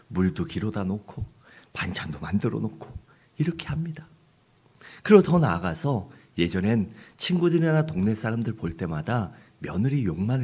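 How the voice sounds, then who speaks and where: Husky, animated pastor preaching. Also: male voice, lowish voice. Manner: animated storyteller, acts out characters. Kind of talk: sermon with dramatized storytelling. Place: church.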